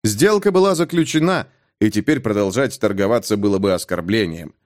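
Expressive male audiobook narrator. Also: fairly low pitch, fairly quick. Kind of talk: scripted narration.

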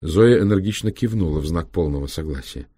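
A man narrating an audiobook in a measured, even storytelling manner. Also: low voice, husky, no room sound, studio quality. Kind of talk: scripted narration.

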